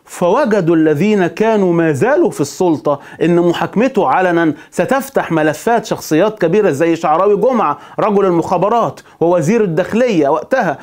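A man with an Egyptian accent narrating a history documentary. He throws in indignant rhetorical asides to the listener. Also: high-pitched.

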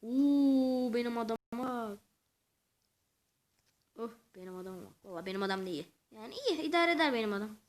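A high-pitched woman narrating her own gameplay for viewers in a lively, excitable way. She talks straight to the audience, then drops into muttered and whispered asides to herself between bursts of chatter. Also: normal speed, long pauses. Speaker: gaming channel host. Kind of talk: let's-play commentary.

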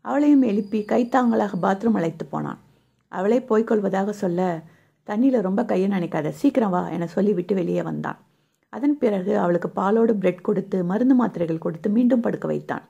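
A woman narrating a romance audio novel in a steady storytelling voice, husky. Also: mid-range voice, brisk, highs cut off.

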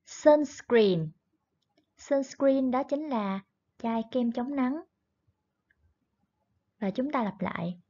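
A woman teacher leads a children's online English lesson, patiently repeating each word twice and coaxing her pupils along. Her voice sits fairly high and unhurried, on a dull lo-fi recording. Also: warm tone. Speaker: primary school English teacher. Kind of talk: online lesson, explaining and drilling words.

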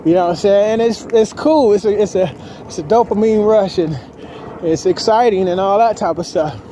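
Out on the street with his dogs, a man films a walk-and-talk vlog on his phone. His voice is high and mellow at normal speed, and he dishes out slangy, casual advice, circles back to repeat himself, and acts out quotes over noisy background audio.

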